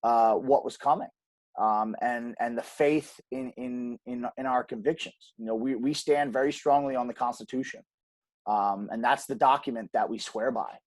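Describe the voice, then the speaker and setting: Earnest male guest, mid-pitch, emphatic and repetitive, dry close recording. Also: fairly even intonation, normal speed, no room sound. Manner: earnest, emphatic, frequent restarts and ums. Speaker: podcast guest, gym co-owner. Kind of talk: conversational interview.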